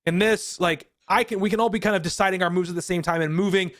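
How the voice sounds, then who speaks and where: A man's voice: high voice, fast, a bit bright. A man co-hosting a games podcast, talking in a casual, rambling way with lots of ums and restarts. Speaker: podcast co-host. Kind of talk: casual chat.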